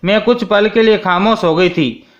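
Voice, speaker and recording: A man narrating a first-person story in a steady, scripted reading. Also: high-pitched, normal speed. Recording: dull lo-fi sound.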